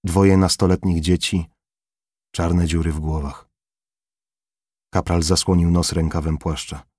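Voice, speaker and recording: Deep, slow, husky male narrator. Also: level tone, a little mellow, no echo, studio quality. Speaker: audiobook narrator. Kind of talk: scripted audiobook narration.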